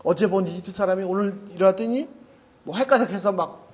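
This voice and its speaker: High-voiced, animated male preacher. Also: fast talker, highs cut off. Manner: animated and conversational, often saying "yes" and laughing. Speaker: pastor. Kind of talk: sermon.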